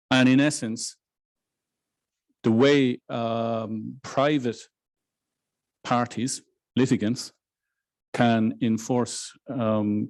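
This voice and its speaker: A man lecturing on law to a hybrid audience, speaking in a measured way with frequent restarts and fillers. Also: on the low side, vocal fry, a little mellow. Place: lecture room in Brussels, hybrid with online audience.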